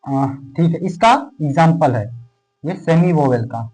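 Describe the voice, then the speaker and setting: A man teaching a classroom lesson in speech who asks questions and answers them himself, repeating key terms and drawing words out slowly as he writes. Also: fairly high pitch, a little mellow, soft background music, low-quality recording. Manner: stretches words out slowly while writing.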